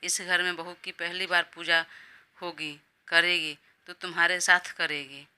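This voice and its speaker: A woman's voice: fairly low pitch, level tone, unhurried, pushed and bright, smooth. A woman voicing a doting old grandmother who scolds her grandson fondly and sides with the new bride. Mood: scolding. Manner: fussy, indulgent scolding.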